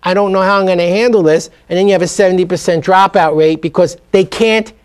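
On a TV studio set, a middle-aged man is the guest in a business interview, talking fast in a high, steady, clean-toned voice. He teaches speed reading and discusses learning emphatically and with plenty of energy.

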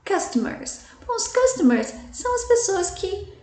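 A woman's voice: very high voice, sing-song, dark tone. A woman teaching English vocabulary to Portuguese speakers, enunciating each word carefully and checking in with her students often. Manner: slow, careful enunciation with repeated examples. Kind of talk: slide-based language lesson. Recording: echoey room, voice from a distance.

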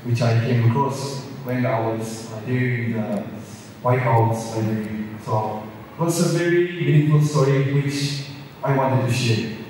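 A man's voice: mid-range voice, measured pace, a little mellow, a little hiss or hum. Man telling a folk tale in an echoing hall. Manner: repetitive, dramatic, many restarts. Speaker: storyteller at a college fest. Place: large hall at a college event. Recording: echoey hall, mic far off.

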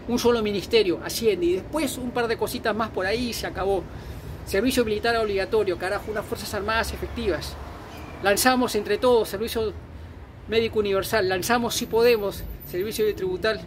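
A man's voice: high-pitched, a bit bright, a little hiss or hum. A Peruvian man in his fifties with a Peruvian accent, delivering an angry political rant full of swearing and blunt scolding. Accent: Peruvian Spanish. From Peru. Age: 50s. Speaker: political vlogger.

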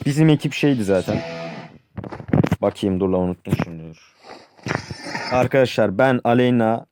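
A young man with a sore throat giving excitable, casual live commentary on his gameplay, calling out his teammates. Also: medium pitch. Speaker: gaming channel host. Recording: loud background noise with clicks.

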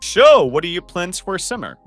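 In a fan-made game drama, a young voice actor plays a popular teenage boy who is flustered from juggling two dates, stammering nervously throughout. His voice sits high with big pitch swings at a moderate pace, recorded dry with soft music underneath.

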